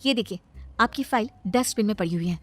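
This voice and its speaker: A woman voicing a gentle young wife who earnestly defends herself in a cartoon story. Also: mid-range voice, quick pace, faint music behind. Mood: indignant.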